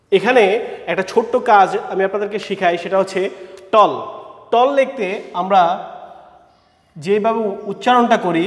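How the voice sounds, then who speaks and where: A man teaching a grammar lesson, explaining slowly and spelling words out letter by letter. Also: high voice. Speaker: English teacher. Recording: echoey room with long reverb.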